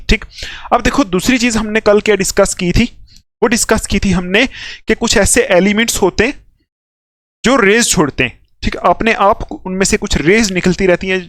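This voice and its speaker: A young male chemistry teacher with a noticeably high voice explains a lesson point by point. He keeps pausing to check that his students follow. The sound is close and dry, with no room echo. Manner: explains step by step, checks in with "theek hai" after nearly every phrase. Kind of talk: classroom lecture at a whiteboard.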